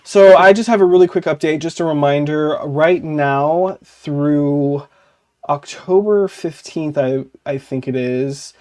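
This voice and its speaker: A man's voice: fairly high pitch, measured pace, a little mellow. Chatty rambling man co-hosting a podcast. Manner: chatty and rambling, often saying "like" and correcting himself. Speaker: podcast co-host. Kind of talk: casual podcast chat.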